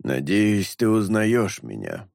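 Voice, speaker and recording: This is a tall, silver-haired councillor in an audiobook, speaking in a calm, commanding tone, voiced by a man. His voice sits fairly low and sounds close and dry, with no room around it. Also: takes it slowly, creaky, dry recording, exaggerated voice. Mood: calmly menacing.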